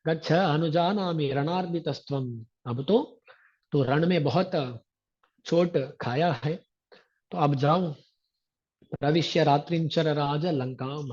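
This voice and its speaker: A man's voice: a little high, darkish tone, highs cut off. A male religious teacher giving a scripture discourse, chanting Sanskrit verses and then explaining them line by line.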